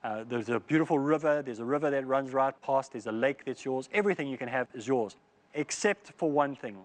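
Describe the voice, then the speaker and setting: A man's voice: medium pitch, a little fast. A man preaching, telling a long parable and acting out the lines of its characters. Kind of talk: storytelling sermon.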